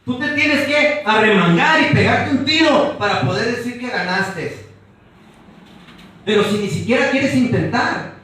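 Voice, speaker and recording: Man, Mexican Spanish accent, fervent preacher, high voice, very echoey, far from the mic. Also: animated, a little slow, a bit bright. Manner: fervent, repetitive, peppered with slang. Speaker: Bible study teacher. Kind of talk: preaching Bible class. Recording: echoey room, voice from afar.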